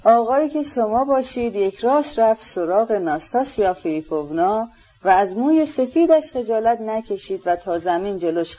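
A woman narrating a novel in an audiobook, reading in a steady, measured way. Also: medium pitch, husky. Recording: dull lo-fi recording.

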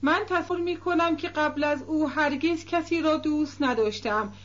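A woman's voice: high voice, highs cut off, a little hiss or hum, close to an everyday voice. A woman reading as a rapturous young woman in love.

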